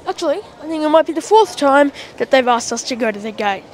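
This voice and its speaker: A woman's voice: high-pitched, expressive, fast, a little mellow, a little hiss or hum. A woman giving casual travel vlog commentary with dry, sarcastic asides, recorded on a handheld camera. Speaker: travel vlogger. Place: airport terminal and plane cabin.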